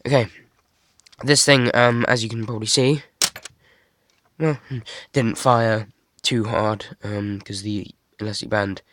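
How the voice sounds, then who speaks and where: Halting, flat-voiced young guy. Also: on the low side, background noise. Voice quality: monotone, halting with many fillers. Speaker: hobby builder showing a model. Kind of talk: casual show-and-tell.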